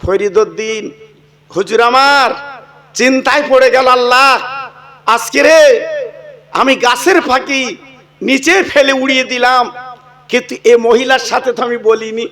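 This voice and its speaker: A man's voice: extremely high pitch, unhurried, pauses often, pushed and bright. A man preaching a sermon, telling a story with acted dialogue and asides to the crowd.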